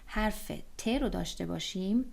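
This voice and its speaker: A woman's voice: mid-range voice, vocal fry. A woman teaching German pronunciation in an online lesson, explaining patiently step by step with frequent fillers.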